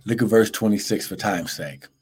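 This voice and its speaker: A man's voice: fairly low pitch, moderate pace, darkish tone, husky, soft background music. A man preaching an impassioned live-streamed Bible sermon, exhorting emphatically with repeated phrases and drawing out scripture for weight.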